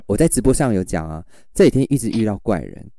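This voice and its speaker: In a dry recording, a man with a low-leaning voice talks fast as he chats casually on his sales livestream. He tells stories with lots of animation and acts out what his customers said.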